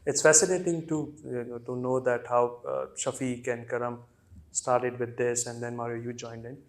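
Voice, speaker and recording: A male podcast host at a middle pitch puts questions to his guests. His phrasing is halting and full of fillers as he works toward each question. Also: level tone. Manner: halting, many "you know" and "uh" fillers. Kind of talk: interview questions.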